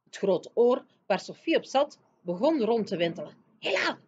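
A woman's voice: medium pitch, animated, normal speed, warm tone, a little hiss or hum. Woman reading a story aloud. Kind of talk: reading a children's book aloud. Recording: dull lo-fi recording.

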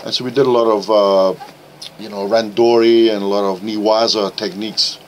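A man's voice: lowish voice, steady tone, normal speed, highs cut off, slight background noise. A man from Scotland with a Scottish accent, a martial arts coach chatting as a radio studio guest with dry humor. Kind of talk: casual radio talk show chat.

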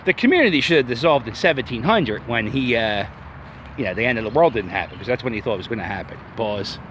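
A Philadelphia man in his thirties walks through a wooded park, holding his phone at arm's length and vlogging in an anxious, jokey ramble to himself. His mid-range voice is expressive, fast and fairly bright, with a little hiss or hum on the recording.

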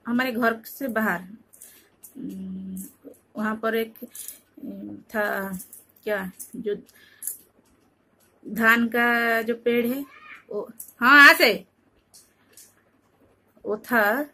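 A tired woman vlogger from Odisha, India, chats slowly at home at night. Her voice stays flat and even, and she often halts and restarts while she searches for words. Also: fairly high pitch. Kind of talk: casual home vlog.

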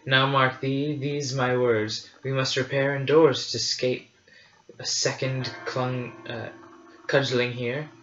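Obi-Wan Kenobi, a man reading a gentle old knight. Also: medium pitch, level tone, slight background noise. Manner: measured, gentle verse. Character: wise old male hermit knight, gentle. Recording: roomy, slightly dull, faint music.

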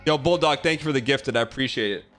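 A streamer gives casual live game commentary over game music, reading chat and on-screen text. His mid-range, fairly bright voice moves fast, with slangy, chatty asides.

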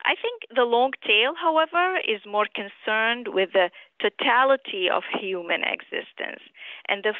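A middle-aged woman from Syria speaks in a measured, earnest tone as an interview guest. Her voice comes through a tinny, narrow phone line. The sound is dry and close, with no room around it. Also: mid-range voice, dry recording. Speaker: author and physician guest. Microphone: telephone.

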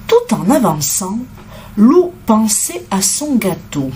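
A woman reading a children's storybook aloud as narrator, expressive and unhurried. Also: mid-range voice, a little hiss or hum. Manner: expressive, unhurried, sing-song.

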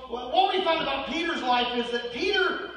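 A male pastor preaching a sermon, swinging between loud peaks and low murmurs. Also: lively intonation, normal speed, a little hiss or hum. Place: large church sanctuary. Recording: echoey room, heard from far off.

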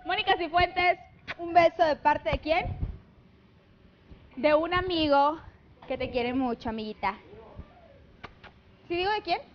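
A Mexican woman with a Mexican Spanish accent hosts a live TV show in a studio, chatting affectionately and reading viewer messages into a handheld microphone. Her voice is very high and unhurried with long pauses, and she gushes with pet names; the recording is muffled.

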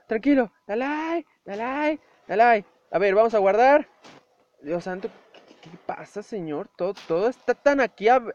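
A young man with a Mexican accent giving excitable gameplay commentary, shouting, swearing and making sound effects. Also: very high-pitched. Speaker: gameplay youtuber. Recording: dull lo-fi home recording with faint hiss.

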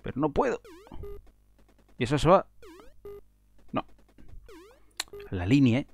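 A man giving casual, excitable commentary while playing a video game, breaking into frustrated outbursts. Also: medium pitch, slow, gravelly, faint music behind. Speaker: gaming video host.

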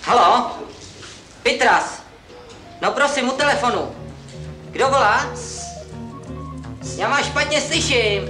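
An actor in a 1970s film comedy playing a flustered gatehouse porter struggling to hear on the phone. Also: male voice, extremely high pitch, lively intonation, pauses often, roomy sound, over music.

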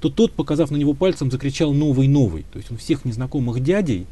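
The historian guest is a fast talker with a mellow, medium-pitched voice and an animated delivery. Being interviewed about history, he gives lengthy, thoughtful answers that hedge a lot and are peppered with fillers.

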